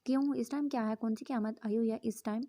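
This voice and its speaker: A woman's voice: fairly high pitch, fairly even intonation, mellow, lightly acted. A woman voicing a headstrong, impatient young woman in an audio novel who speaks in a snappish, dismissive way. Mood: irritated.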